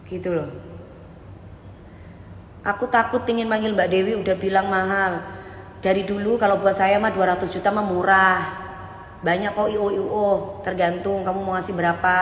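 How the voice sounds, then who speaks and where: A woman talks on a casual live stream, bluntly scolding and lecturing her viewers. Her voice sits at a middle pitch. It rings through an echoey room with a long reverb and faint noise underneath. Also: fairly even intonation, normal speed, pauses often. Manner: blunt, scolding, mixes Javanese into Indonesian. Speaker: live-stream host reading viewer comments.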